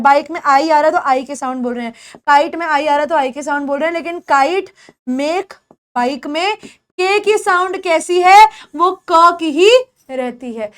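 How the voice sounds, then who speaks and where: With an extremely high, slightly bright voice, a young Indian woman who speaks Hindi gives a beginners' lesson on pronouncing English. She goes slowly and patiently, repeating example words many times and checking comprehension.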